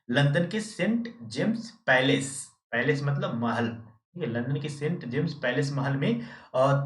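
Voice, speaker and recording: A man teaching history as a quiz host, asking questions and answering them himself, and answering viewers by name. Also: medium pitch. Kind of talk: live quiz lesson. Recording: echoey room, distant mic.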